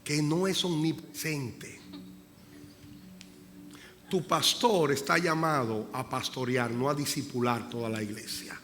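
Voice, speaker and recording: Impassioned pastor preaching in a reverberant church. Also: male voice, mid-range voice, steady tone, slow, long pauses, soft background music. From Dominican Republic. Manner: passionate preaching, swinging from hushed prayer to loud emphasis; repeats phrases for emphasis. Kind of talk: sermon. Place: church sanctuary. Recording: live church recording with long reverb and faint room noise.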